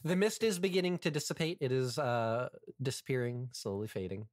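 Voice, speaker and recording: A game master calmly narrating a tabletop game and calling for rolls. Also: medium pitch, brisk, no room sound, studio quality.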